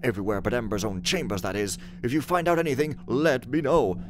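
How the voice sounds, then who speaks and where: A man's voice: mid-range voice, a little fast, background noise, natural voice. A man voicing a scheming, conspiratorial noble reading out a formal letter from a fantasy game, with theatrical emphasis. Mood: conspiratorial, emphatic. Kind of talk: dramatic letter read-out in a game video.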